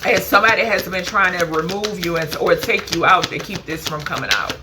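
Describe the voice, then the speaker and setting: A spiritual card reader in a noisy setting talks a little fast, her fairly low voice animated, as she does a casual channeled reading for viewers. Emphatic and chatty, she swears casually, calls people "baby" and "honey," and ends almost every phrase with a questioning "okay?"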